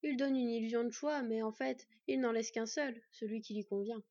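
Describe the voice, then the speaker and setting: A woman reading a storybook, voicing a kind, gentle young fox boy. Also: on the high side, fairly even intonation, normal speed, no echo. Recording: dull lo-fi dry recording.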